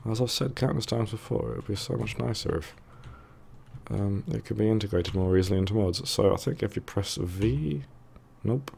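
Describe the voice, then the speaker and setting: A man's voice: lowish voice, normal speed, vocal fry, a little mellow, slight background noise. A man with a thick, sore-throated voice giving casual, hesitant let's play commentary, musing to himself as he goes. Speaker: gaming video host.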